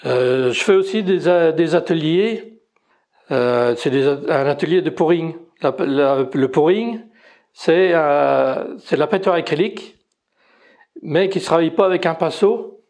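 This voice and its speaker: In a relaxed interview, a sixty-something retiree from Belgium describes his amateur painting, often stopping, restarting and filling pauses. His voice is fairly high, a little slow and a bit mellow, with a Belgian French accent.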